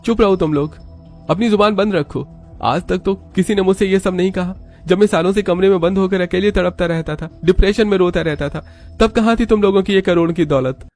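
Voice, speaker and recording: A man's voice: on the high side, a little fast, a little mellow, faint music behind, voice pushed up, lightly acted. A man voicing an emotional young husband from a rich family, talking passionately. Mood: angry. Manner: emotional, impassioned.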